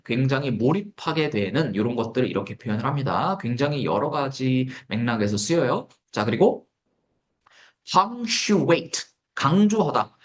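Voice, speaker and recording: A teacher giving an exam-prep English writing lesson in Korean, explaining vocabulary step by step. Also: female voice, low voice.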